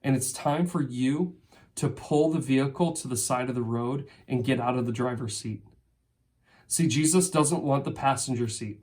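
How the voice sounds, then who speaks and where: A male pastor delivering a sermon in an earnest, pleading way. His voice sits in a middle register, swelling with emphasis on key words and then falling hushed and slow. He slips into first-person prayers as if speaking them himself. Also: medium pitch. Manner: earnest, rising to intense emphasis then dropping soft.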